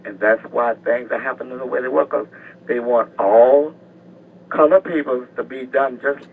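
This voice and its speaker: An older man calling in to a radio show, talking in a halting, rambling way and repeating words. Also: medium pitch, fairly even intonation, vocal fry, husky. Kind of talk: rambling live radio call-in. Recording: distant, noisy phone call to radio.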